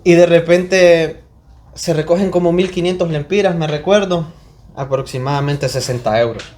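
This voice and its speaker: A Honduran man teaching a church Bible class, telling a personal testimony with lively storytelling and acted-out quotes. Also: on the high side, moderate pace, slight background noise. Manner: animated storytelling, acting out quoted voices.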